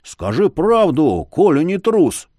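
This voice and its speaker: A brash, stubborn young warrior who demands answers and blurts things out, as a man puts him on for a fantasy audiobook. The voice rides higher and louder than the reader's own, swinging widely in pitch. It is recorded dry and close. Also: very animated, unhurried, no echo. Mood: demanding. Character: young man, hot-headed stubborn guild fighter.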